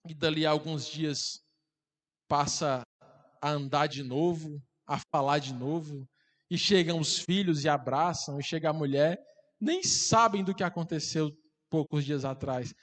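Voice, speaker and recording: Impassioned pastor preaching in a hall. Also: male voice, on the high side, a little slow. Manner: impassioned preaching, building to loud climaxes. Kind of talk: sermon. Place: church hall.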